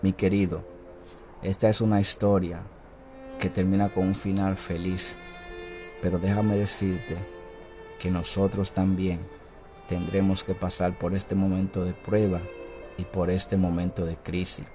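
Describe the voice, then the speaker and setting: A man teaching a Bible lesson in a preaching style. He is emphatic and slows down to give words weight. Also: sits low, level tone, music in the background.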